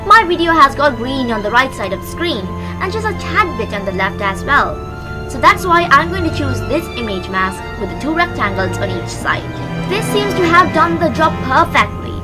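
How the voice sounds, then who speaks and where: This tutorial is led by a young woman whose high voice is very animated, though her pace stays normal. She works through scripted instructions step by step on a close mic on a stand while background music plays.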